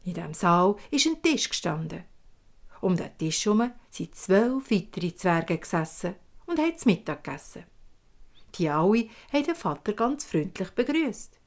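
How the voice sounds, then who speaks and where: A woman with a Swiss German accent, narrating a fairy tale slowly and gently. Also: mid-range voice, very animated. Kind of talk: storytelling.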